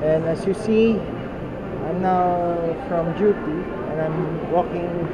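A man in his thirties filming a casual walking vlog in a large indoor mall, narrating in a rambling, slightly halting way into a handheld camera. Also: high voice, steady tone, heavy background noise. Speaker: vlogger. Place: large indoor shopping mall, nearly empty. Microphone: action camera held at arm's length. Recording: muffled camera audio with loud mall ambience.

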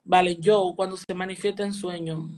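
A woman's voice: fairly low pitch, steady tone, normal speed, a little mellow. A woman, a spiritual teacher telling a personal testimony and earnestly repeating phrases for emphasis.

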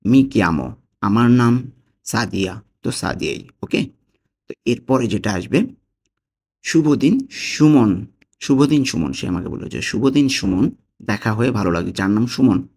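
A man teaching a language lesson, patiently repeating each word slowly and checking in with the listener. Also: medium pitch, a little mellow. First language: Bengali.

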